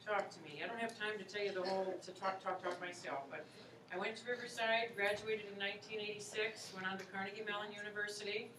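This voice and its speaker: This woman in her forties, an opera singer who also teaches voice, chats encouragingly with her students and fields their questions, dropping plenty of "you know"s. Her voice sits at a medium pitch with fairly even intonation, and she talks fast. The recording comes from an echoey room, with the mic far away and a faint hiss.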